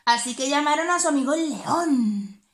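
A preschool teacher, telling a story to small children in an animated, sing-song way. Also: female voice, high voice, normal speed.

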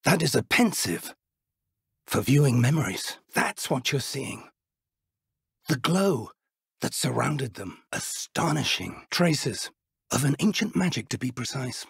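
An actor playing an elderly British wizard professor in a video game, an earnest, courteous mentor with a gravelly, husky voice and measured, formal speech. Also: male voice, mid-range voice, very animated, no room sound, clean studio sound, full character voice. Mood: grave, wondering. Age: older. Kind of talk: scripted video game dialogue.

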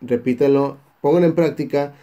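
Mellow-voiced Mexican man teaching English. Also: on the high side, dull audio. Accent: Mexican Spanish. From Baja California Sur, Mexico. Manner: repeats phrases slowly to model pronunciation. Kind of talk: English lesson for Spanish speakers.

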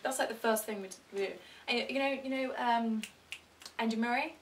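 A woman's voice: fairly high pitch, a little fast. Chatty teenage girl vlogging, a bit far off. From Britain. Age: teens. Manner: chatty, self-deprecating, bursts into excited squeals. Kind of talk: rambling casual chat to camera.

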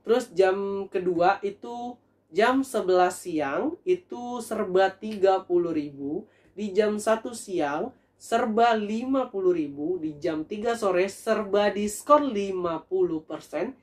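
A young food vlogger sits at a table in a small room, chatting animatedly with his viewers in a casual review video. His voice is high-pitched and his delivery slow.

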